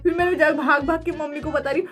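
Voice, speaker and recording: A young adult woman telling a story in a casual craft vlog, animated and dramatic, often laughing. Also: sits high, fast, soft background music. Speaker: craft vlogger.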